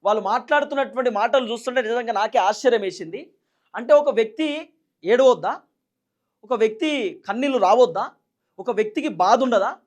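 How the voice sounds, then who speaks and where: A man's voice: very high voice, expressive, fairly quick, pauses often. A man with a Telangana Telugu accent giving political commentary, firing off indignant rhetorical questions.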